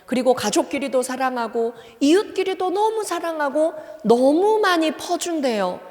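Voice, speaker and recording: A woman's voice: high-pitched, big pitch swings, moderate pace, a little mellow. A woman psychology professor giving a church seminar lecture. She asks her audience questions and acts out the lines she quotes. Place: church hall. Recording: long-reverb church hall.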